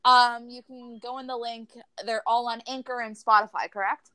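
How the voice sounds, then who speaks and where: A young woman co-hosting a casual podcast, telling stories in an animated way and acting out the voices of the people in them. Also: a little high, moderate pace, clean tone. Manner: animated storyteller, acts out quoted voices. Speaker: podcast co-host.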